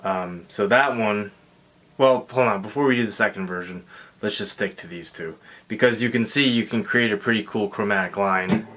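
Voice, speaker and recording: A guitar teacher with a lowish voice gives a casual lesson, talking in a relaxed, halting way with many fillers and restarts. Clear guitar playing sounds behind him, along with a metronome.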